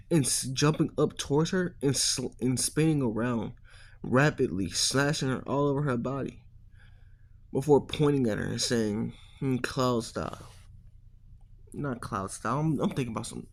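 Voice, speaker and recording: A man's voice: mid-range voice, darkish tone. A man narrating a fan-made what-if story in a rambling, slangy, profane way, often losing track of his words. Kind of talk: casual improvised storytelling.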